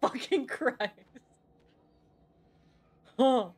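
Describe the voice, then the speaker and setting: A woman's voice: high voice, drawn-out words, slightly rough. A young woman streaming a game, swearing often and bantering in exasperation with her chat. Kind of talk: casual gameplay streaming.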